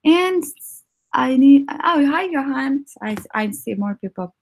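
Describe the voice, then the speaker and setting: A woman's voice: high-pitched, slow. Chatty woman with a Turkish accent. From Turkey. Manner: chatty, animated storytelling with many fillers. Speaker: guest speaker. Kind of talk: casual talk at an online meetup. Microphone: video call.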